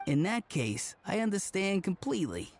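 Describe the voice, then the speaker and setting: An actor voicing a game character who slips into a mock Italian mafia accent, theatrical and conspiratorial. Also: male voice, sits high, big pitch swings, moderate pace, heavily acted. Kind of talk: video game voice acting.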